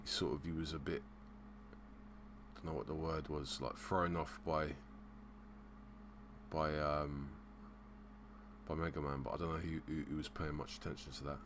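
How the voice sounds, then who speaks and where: A man hosting a casual live stream, rambling and hesitant, giving shout-outs in slang. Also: rumbling low, little pitch movement, moderate pace, pauses often, noisy background. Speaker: livestream host.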